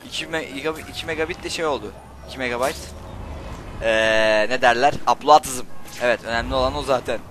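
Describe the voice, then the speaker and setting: A young man hosting a gaming channel, casually commenting on play, joking and swearing excitedly at the game. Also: medium pitch, fast talker, soft background music.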